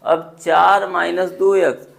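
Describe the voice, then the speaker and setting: A man's voice: high-pitched, flat delivery, takes it slowly, creaky. A man teaching a maths class, walking students through each step and checking they follow, in colloquial speech with a few dialect words.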